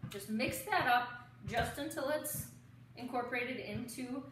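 Casual step-by-step cooking directions come from a woman in her thirties, a home cook working in her kitchen amid clattering dishes. She has a fairly high pitch and speaks a little slowly. The distant camera mic, a few steps away, gives a roomy sound with clear noise.

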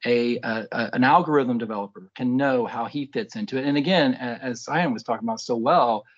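A man's voice: medium pitch, fairly quick. Man briefing over a muffled video call. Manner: restarts, tag questions "right?". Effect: heard over a video call. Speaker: Air Force program leader.

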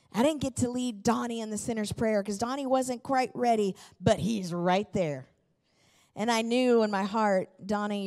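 A warm, mid-range voice belongs to a middle-aged woman pastor delivering a sermon full of personal stories. She stands on stage in a large church auditorium, speaking into a handheld microphone with fervent emphasis and repeated phrases.

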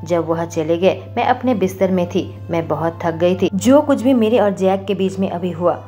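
A woman's voice: on the low side, dark tone. A woman narrating a romantic story in the first person as a scripted reading.

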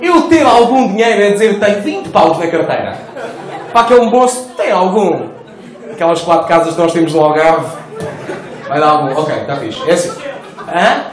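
Portuguese guy doing live standup, high lively voice, roomy club, crowd laughing loud. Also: normal speed. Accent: European Portuguese. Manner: animated, crude slang, crowd work. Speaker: stand-up comedian. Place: comedy stage before a live audience.

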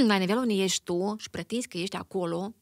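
A woman psychologist, a guest in a conversational interview, explaining in an expressive, animated way and acting out everyday examples. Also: medium pitch, no room sound, clean studio sound.

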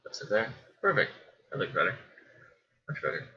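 A man's voice: lowish voice, sing-song, normal speed, bright, forceful tone, highs cut off, slight background noise. A man muttering to himself and chuckling as he builds, giving casual gameplay commentary. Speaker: gameplay streamer.

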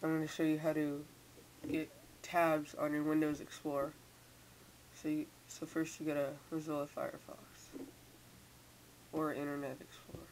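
Teenager, mid pitch, casual tutorial, halting repeated words, speech hampered by sore braces, slightly hissy computer mic. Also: completely flat delivery. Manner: slightly impeded speech from a sore mouth with newly tightened braces. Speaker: software tutorial maker. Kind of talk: casual unscripted screen tutorial. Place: indoors at a computer. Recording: hissy, noisy home microphone.

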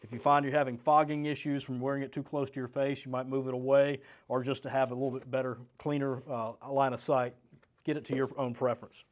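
Speaking fast with a flat delivery, a middle-aged American sales rep with a mid-range voice gives a practical, plain-spoken demonstration of a product, step by step. He is on a small indoor studio set furnished with a desk and shelves.

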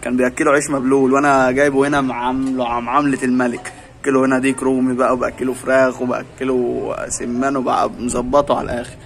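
A man's voice: mid-range voice, little pitch movement, fast, a little hiss or hum. Chatty Egyptian man coaxing a pet fox. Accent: Egyptian Arabic. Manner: playful, teasing, coaxing. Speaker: vlogger. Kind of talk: casual vlog talking to a pet fox.

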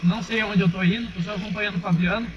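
A young Brazilian motovlogger with a fairly high voice chats rapid-fire in Brazilian Portuguese while riding a motorcycle on an outdoor dirt road, calling his viewers "rapaziada". His helmet-mounted action camera sounds dull and muffled, with steady engine and wind noise loud behind him.

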